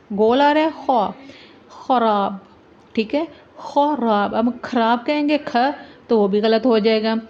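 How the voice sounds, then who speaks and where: Female teacher, slow and repetitive, high-ish voice, muffled recording. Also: darkish tone. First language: Urdu. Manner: repeats letters and words, checks in with "ठीक है". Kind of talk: slow, deliberate alphabet lesson for teachers and children. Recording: dull lo-fi recording.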